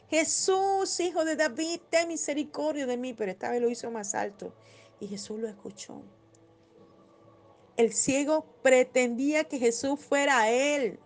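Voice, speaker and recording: A woman preaching a devotional sermon in a tender tone, slowing on scripture and crying out when she voices pleas. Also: on the high side. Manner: tender, rising to loud cries when voicing pleas.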